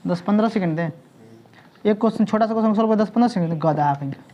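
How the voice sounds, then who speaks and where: Male classroom teacher with a high voice, quizzing students nonstop and scolding them, on a dull lo-fi room recording. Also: racing, dark tone. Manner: quizzes students constantly, tacks "sir" onto every question, scolds them. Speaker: physics teacher. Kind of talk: classroom lecture.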